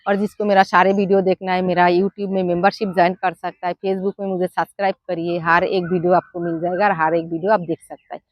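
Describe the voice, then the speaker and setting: A middle-aged woman, a mother, giving frank, down-to-earth parenting advice in a casual vlog, pausing often with "uh". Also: fairly low pitch, little pitch movement, no echo, highs cut off. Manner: frank and down-to-earth, with many "uh" pauses.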